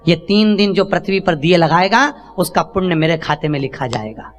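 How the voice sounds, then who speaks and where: A man's voice: on the high side, animated, moderate pace, lightly acted. A man voicing a generous demon king who grants boons in a sermon's story. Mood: solemn.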